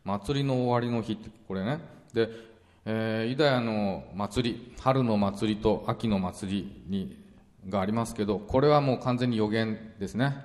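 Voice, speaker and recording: A man preaching a relaxed, chatty Bible teaching sermon, full of fillers and asides. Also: fairly low pitch, normal speed. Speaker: pastor. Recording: long reverberant hall sound.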